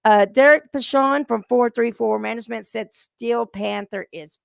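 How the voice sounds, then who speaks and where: A brash woman hosts a casual podcast chat, trading salty stories. Her voice has a heavy gravelly fry. The sound is dry and close, with no room around her. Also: fairly high pitch, normal speed, no room sound. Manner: brash, salty storytelling with laughs. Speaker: podcast host.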